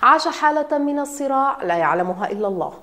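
A woman narrating a dramatic story in a measured, expressive reading. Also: high-pitched.

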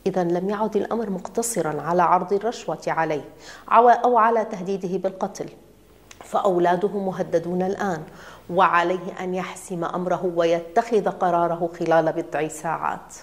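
A woman narrating a dramatic story in a measured, expressive reading. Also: on the low side.

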